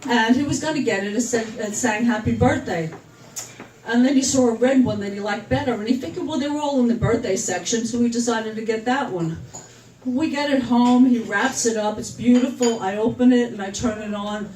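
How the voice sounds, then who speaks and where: A woman's voice: fairly high pitch, a little fast, darkish tone, a little hiss or hum. A woman in her seventies telling jokes at her own birthday party, chuckling at her own punchlines. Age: 70s. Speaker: birthday party joke teller. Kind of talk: casual stand-up joke telling. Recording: echoey room, far from the mic.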